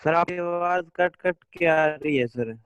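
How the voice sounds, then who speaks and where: A man's voice: a little high, measured pace, fairly bright tone, smooth, highs cut off. A man, a student in an online class, speaking politely over a video call whose audio keeps breaking up. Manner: polite, keeps addressing the teacher as sir. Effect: breaking-up audio over a bad video-call connection.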